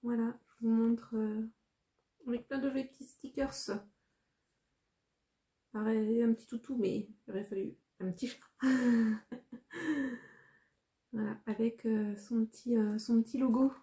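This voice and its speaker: A woman from France vlogging casually as she unboxes a parcel, talking in a hesitant, rambling way with frequent pauses. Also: a little high, steady tone, mellow.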